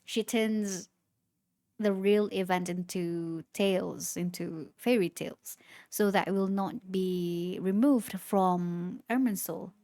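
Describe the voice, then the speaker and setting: Slow, mellow-voiced woman reading lore. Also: lowish voice, fairly even intonation, dry recording. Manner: reads slowly, stumbles on words, breaks off to react. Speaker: streamer reading game lore. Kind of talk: casual lore reading aloud.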